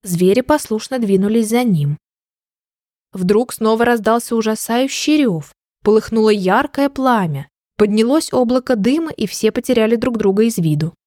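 A woman narrating a children's audiobook in a gentle, measured storytelling voice. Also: a little high, lively intonation, no echo, studio quality.

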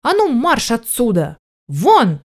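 A woman's voice: a little high, huge pitch swings, slow, exaggerated voice. A woman doing an indignant hissing tomcat. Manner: loud, hissing, indignant shouting.

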